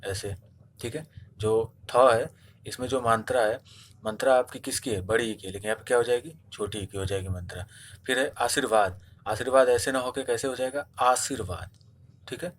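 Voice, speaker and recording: Fairly quick and fairly even in intonation, this mid-range male voice belongs to a Hindi teacher running an online exam-prep spelling class. He breaks things down step by step, responds to his own questions, and frequently drops in "theek hai"; a little background noise is audible.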